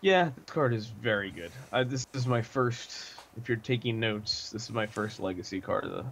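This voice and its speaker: A man's voice: lowish voice, normal speed, gravelly, a bit bright, a little hiss or hum. A young man co-hosting a card review in an easygoing, agreeable way, often trailing off mid-thought. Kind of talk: casual chat.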